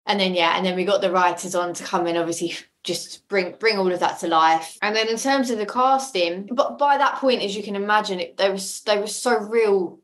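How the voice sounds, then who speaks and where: An audio drama creator and casting lead talks as an interview guest, telling stories in a casual, effusive way and repeating phrases for emphasis. Her medium-pitched voice runs a little fast with hardly any pauses.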